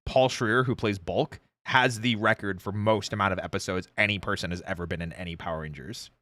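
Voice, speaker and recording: A man's voice: fairly low pitch, steady tone, a little fast, pushed and bright, no echo. A man giving eager, emphatic commentary in a casual chat as a reaction host.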